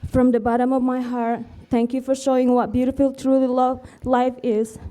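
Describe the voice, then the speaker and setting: A widow's eulogy at a memorial: her voice is high-pitched with a dark tone, delivered flatly at normal speed. She is still heartfelt, earnest and tender as she speaks to the mourners gathered in the room.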